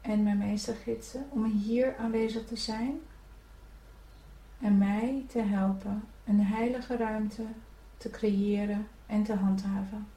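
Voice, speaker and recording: A woman leading a guided spiritual meditation, giving gentle, soothing instructions to breathe and relax. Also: mid-range voice, fairly even intonation, takes it slowly. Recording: echoey room, from a distance.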